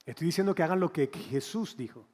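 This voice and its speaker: A pastor preaching in a lively, conversational way, slipping into acted-out dialogue. His voice sits slightly high for a man. It rings with the long reverb of a church hall. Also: brisk. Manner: animated, conversational, acts out quotes. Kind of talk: sermon.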